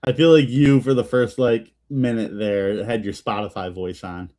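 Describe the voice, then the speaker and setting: A man co-hosting a casual podcast, relaxed and explaining things plainly. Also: on the low side, normal speed. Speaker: podcast co-host.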